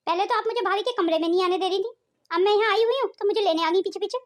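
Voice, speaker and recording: A woman's voice: extremely high pitch, rapid-fire. A woman voicing a hot-tempered married daughter in a cartoon family drama, accusing and bossy in her manner. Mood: suspicious. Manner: accusing, sharp-tongued, bossy.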